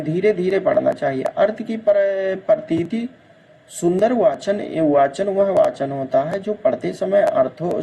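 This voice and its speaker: A man's voice: a little high, vocal fry, darkish tone, breathy edge. A man with a Hindi-belt Indian accent reading exam notes aloud in a lecture, checking in with "ठीक है" now and then. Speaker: teacher.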